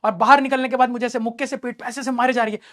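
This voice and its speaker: A male math teacher telling a story during a lesson, lively and teasing, laughing often. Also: extremely high pitch, very fast.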